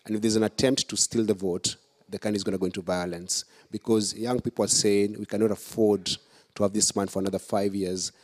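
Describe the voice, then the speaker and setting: A man's voice: on the low side, flat delivery, brisk, darkish tone. A man with a Kenyan accent, answering audience questions as a political candidate at a conference, earnest and building his points step by step. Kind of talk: public Q&A at a conference.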